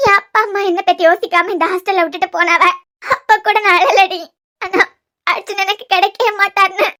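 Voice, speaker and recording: Cartoon lead: woman doing an obsessive, vengeful young woman, Kanyakumari Tamil accent, tearful, pleading, very high and thin. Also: steady tone, brisk, bright, forceful tone. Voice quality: very high-pitched. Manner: pleading, self-pitying. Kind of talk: cartoon serial voice acting.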